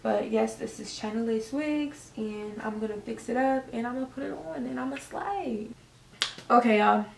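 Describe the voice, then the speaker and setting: A woman's voice: on the high side, normal speed, gravelly, noisy background. Casual female vlogger, slangy and talkative, recorded on a distant camera in an echoey room. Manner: chatty, loose, lots of fillers and slang. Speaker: hair tutorial vlogger. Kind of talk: casual how-to vlog. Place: room at home. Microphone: camera set up at a distance. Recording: roomy, camera mic from a distance.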